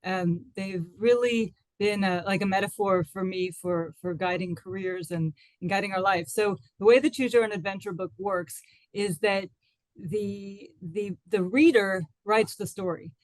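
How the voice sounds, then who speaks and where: A woman's voice: mid-range voice, a little slow, no room sound, rough recording. A woman in her forties from the United States, speaking as an interview guest in a casual, thoughtful way, with frequent fillers and restarts.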